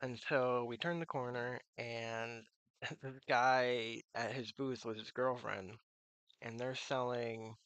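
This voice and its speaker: A man chats casually on a live stream in a gravelly, fry-laden voice. His words are soft-edged and slurred from missing teeth. He meanders and trails off between thoughts, and the sound is dry, with little room to it. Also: medium pitch, steady tone, slow, dry recording. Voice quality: slurred, toothless articulation. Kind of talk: casual rambling stream chat.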